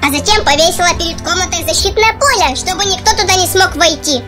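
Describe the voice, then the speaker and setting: Casting: childlike cartoon dog, very high and cheeky, playful exclamations, loud music underneath. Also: quick pace. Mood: narrating. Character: cheeky, boastful young talking husky dog, cartoon pet. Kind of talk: scripted cartoon dog voice-over.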